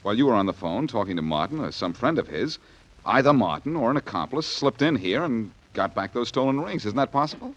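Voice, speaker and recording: A wry old-radio-show detective. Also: male voice, medium pitch, very animated. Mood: confident. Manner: brisk, wry and self-assured. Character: confident wisecracking male private detective. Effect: old radio show broadcast sound. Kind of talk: 1940s radio acting. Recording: dull lo-fi vintage radio recording.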